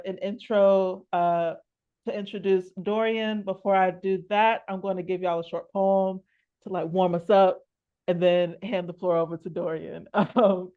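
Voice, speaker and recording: A woman hosting an online poetry reading over a video call, relaxed and chatty, with fillers. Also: mid-range voice, dull audio. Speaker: reading series host.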